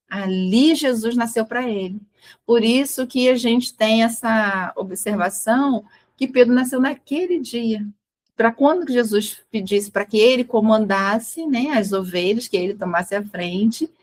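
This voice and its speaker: Earnest woman retelling scripture. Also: fairly high pitch. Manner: earnest storytelling, voicing quotes with restarts. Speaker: study group speaker. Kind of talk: spiritual study talk, retelling scripture.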